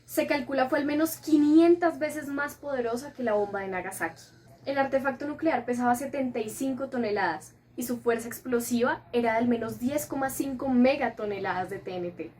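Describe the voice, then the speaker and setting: A woman reading a scripted school presentation in an even, informative tone. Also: sits high, a little fast.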